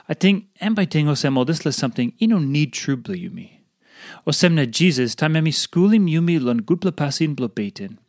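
A man's voice: medium pitch, a little mellow, no room sound. Png guy reading a devotional, papua new guinean accent, close dry sound. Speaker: devotional reader. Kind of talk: scripted devotional reading in Tok Pisin.

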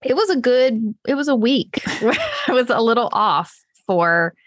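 A woman's voice: on the high side, lively intonation, normal speed, dry recording. A woman, around her thirties, co-hosting a podcast in a casual, conversational way. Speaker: podcast co-host. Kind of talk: casual chat.

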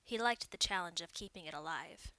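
Bright-voiced woman narrating a story. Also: fairly low pitch, brisk, no room sound.

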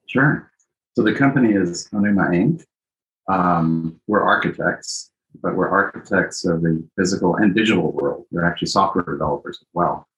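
A man with a very deep voice talks as a guest on a podcast interview. He answers in a reflective, relaxed manner and often pauses on an um. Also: muffled recording. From born in Greece, raised in Japan and Italy. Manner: thoughtful, unhurried, with frequent ums. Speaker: architect and company founder, guest. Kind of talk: casual interview.

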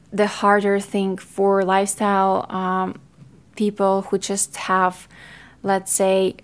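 A woman with a Ukrainian accent talks through her own podcast in a casual, earnest way. English is not her first language, so her phrasing has small slips and restarts. Her voice sits at an ordinary middle pitch. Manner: chatty, earnest, with non-native grammar slips and restarts. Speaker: podcast host, fitness coach. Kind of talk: casual solo podcast talk.

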